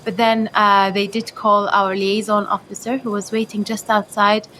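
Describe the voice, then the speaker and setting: A woman's voice: medium pitch, flat delivery, moderate pace, bright, forceful tone, a little hiss or hum. A woman from Yemen, an aid worker, recounting her experiences in a hesitant, reflective way with many fillers and restarts.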